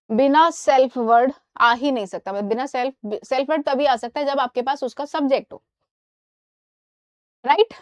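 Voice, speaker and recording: A woman English teacher giving a live online class, explaining in Hindi and reading English examples slowly, often checking that students follow. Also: sits high, no room sound. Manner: asks students questions and checks understanding.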